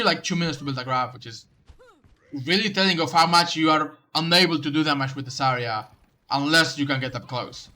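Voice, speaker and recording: A man's voice: mid-range voice, bright, forceful tone. A man reviewing someone's game footage, coaching them in casual commentary, often stumbling and restarting his sentences. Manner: coaching, direct advice.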